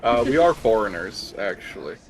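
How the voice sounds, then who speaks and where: A man's voice: fairly low pitch, big pitch swings, moderate pace, faint music behind. A man casually talking through his video game play, explaining things in a rambling way with lots of fillers. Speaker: gameplay co-host. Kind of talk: casual let's-play chat.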